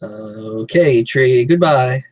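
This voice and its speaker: A man's voice: medium pitch, very slow, no room sound. A man playing a tabletop role-playing game, speaking casually both as himself and in character.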